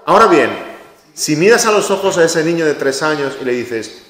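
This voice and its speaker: Emphatic preacher in an echoey hall. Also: male voice, fairly high pitch, animated, moderate pace, a bit bright. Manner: emphatic preaching, repeats key phrases, acts out little quotes. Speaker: pastor. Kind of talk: sermon. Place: church hall. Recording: echoey hall with long reverb.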